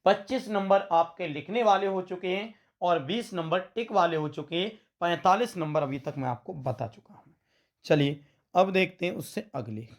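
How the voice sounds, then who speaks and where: A man's voice: sits high, normal speed. A man teaching an exam-prep lesson with a western Uttar Pradesh Hindi accent, who often calls his students "beta" and repeats his points back as questions. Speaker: coaching teacher.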